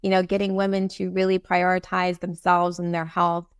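Woman guest from Barbados, slightly gravelly, dry close sound, upbeat and chatty. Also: on the low side, little pitch movement, normal speed, dry recording. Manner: chatty, many fillers, upbeat. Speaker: guest, time management coach. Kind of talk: casual interview talk.

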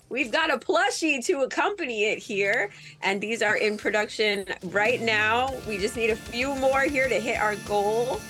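A woman's voice: mid-range voice, a bit bright, husky. A woman guest on a talk show, chatting casually and upbeat about her projects. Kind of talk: casual chat.

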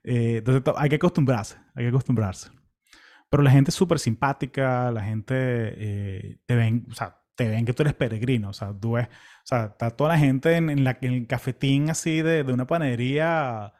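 A man's voice: mid-range voice, moderate pace. A young Venezuelan man tells travel stories in a loose, conversational Spanish. His voice sits in an ordinary middle register. He talks easily, circling back on his words with fillers and restarts. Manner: relaxed, chatty, many fillers and restarts. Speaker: pilgrim recounting a walk. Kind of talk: casual travel storytelling.

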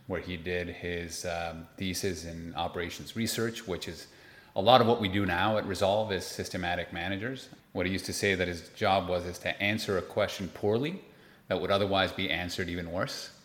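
He is a man from Lima, Peru, in his forties, an investment manager telling personal stories as an interview guest in a conversational manner. His voice is deep and fairly bright, with fairly even intonation and a moderate pace. The echoey, roomy recording carries a little hiss or hum.

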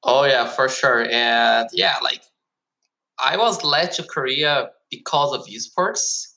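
A man's voice: mid-range voice, slow pace, pushed and bright, poor audio. A man from Brazil, a guest on an interview podcast, answering casually. He sounds upbeat and leans heavily on "like" and "uh" as fillers. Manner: upbeat, heavy use of "like" and "uh" fillers. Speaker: guest, esports marketing executive.

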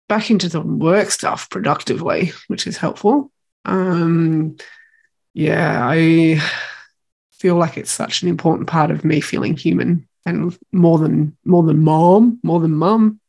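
Husky-voiced Australian woman, relaxed co-host. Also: fairly low pitch. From Tasmania. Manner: relaxed, soft-spoken, murmurs agreement. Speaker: podcast co-host. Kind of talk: casual chat.

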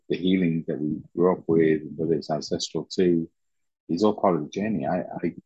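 Deep husky man telling his story haltingly. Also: a little mellow, no room sound, lo-fi sound. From Uganda. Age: middle-aged. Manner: halting, many ums and restarts. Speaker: guest. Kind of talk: reflective personal storytelling.

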